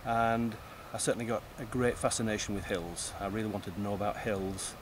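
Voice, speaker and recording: An older man speaks thoughtfully and precisely, sometimes breaking off a word to restart it. He is recorded outdoors, and clear traffic and street noise run behind his voice. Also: fairly low pitch, steady tone, brisk. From East Lancashire, England. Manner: thoughtful, precise, restarts words mid-phrase. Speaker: guest. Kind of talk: conversational interview.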